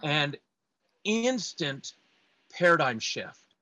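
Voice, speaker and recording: A man's voice: fairly high pitch, big pitch swings, drawn-out words, pushed and bright, no echo, muffled recording. A man speaking as an interview guest, telling personal stories conversationally and emphatically. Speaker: podcast guest, trainer and speaker.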